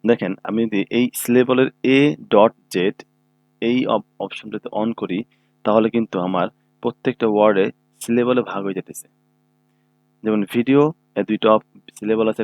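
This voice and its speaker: This computer instructor, a man with a lowish, darkish voice, speaks at normal speed with frequent pauses in a screen-recorded tutorial. Using his own microphone with no room sound, he patiently explains each step and keeps checking that viewers understand.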